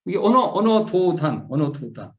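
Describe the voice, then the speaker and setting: Man, middle-aged, minister, scripture lecture, lively pitch, repeats words and restarts, dull lo-fi sound. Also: normal speed. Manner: repeats key words, hesitant restarts, musing explanations. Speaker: Won Buddhist minister teaching scripture. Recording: echoey room, dull lo-fi sound.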